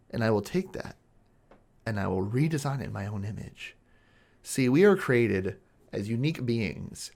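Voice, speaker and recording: An obsessive male kidnapper played by a man in an intimate role-play monologue. His voice sits low with a heavy creak, and he muses haltingly, coaxing his captive with controlling, quiet menace. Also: heavily acted. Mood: musing, controlling. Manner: halting, musing, coaxing, with drawn-out pauses.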